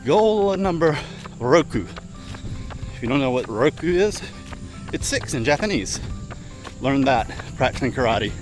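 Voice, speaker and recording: A middle-aged man chatting casually and ramblingly to his vlog while running, in short broken phrases with pauses. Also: medium pitch, sing-song, music in the background, low-quality recording. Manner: talking while running, slightly effortful. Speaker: vlogger. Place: outdoors, on the move.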